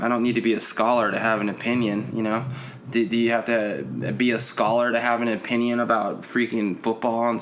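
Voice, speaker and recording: A man's voice: medium pitch, fairly bright tone, slight background noise. A man talking alone on his sports podcast in a loose, off-the-cuff way. He rambles, stumbles over his words and restarts his sentences often. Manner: rambling, full of restarts and fillers. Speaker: podcast host. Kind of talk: casual solo podcast chat.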